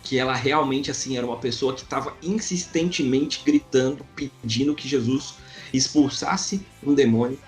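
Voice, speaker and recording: A Brazilian man teaches a Bible passage in casual chat, talking to his co-host like a friend. His voice sits at a middle pitch. Faint music plays quietly behind him. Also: normal speed. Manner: conversational, addresses partner as "cara". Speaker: Bible study podcast co-host.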